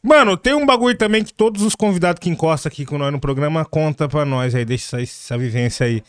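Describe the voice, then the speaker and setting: Man, podcast host, rapid slangy questions, slightly high voice, dry close mic. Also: clean tone, no echo. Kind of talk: casual interview.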